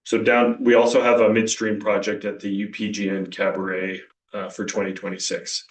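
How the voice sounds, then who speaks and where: A man presenting operations plans on a company earnings conference call, in a measured, technical way, walking through slides. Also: lowish voice, flat delivery. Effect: conference call audio. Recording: roomy, distant conference call audio.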